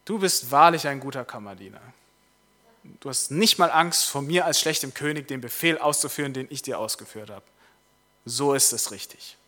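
A man's voice: mid-range voice, lively intonation, normal speed, sharp tone. A preacher doing a weary, bossy king. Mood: amused approval. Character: weary commanding king, quick to anger. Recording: long reverb of a large hall.

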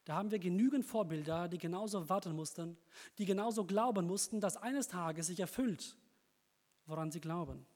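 A man's voice: high voice, a little fast, a little mellow, big-room sound. A man preaching a sermon, earnest and encouraging, speaking directly to his congregation.

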